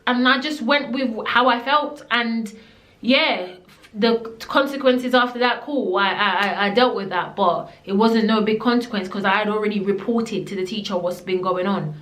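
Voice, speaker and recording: A fairly high, slightly bright female voice in a roomy-sounding space belongs to a young UK-based vlogger from Jamaica. Speaking with a Jamaican accent, she tells a blunt, emphatic storytime to camera and switches into patois at times.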